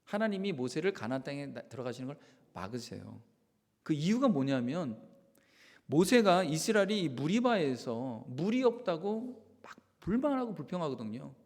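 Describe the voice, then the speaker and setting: A man preaching a Sunday sermon with a lively, swinging delivery, his voice rising and falling as he acts out quoted lines. His fairly high voice carries through the long reverb of a church sanctuary, sometimes sinking to a whisper. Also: moderate pace. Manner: animated preaching, acting out quotes of God and Moses, dropping to a whisper at times. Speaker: pastor.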